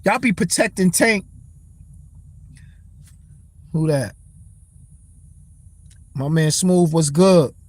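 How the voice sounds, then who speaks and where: A man's voice: high voice, lively intonation, drawn-out words, long pauses, no room sound. A young man hosting a casual boxing talk livestream, speaking, blunt and profane as he answers his chat. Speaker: livestream host.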